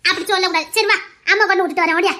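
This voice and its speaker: A fussing village mother , played by a woman, coaxes and grumbles at her child. She pitches this voice lower than her other voices, though it stays high and bright. It is comic skit acting. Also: steady tone, very fast. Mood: coaxing. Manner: coaxing then grumbling, talks in long runs.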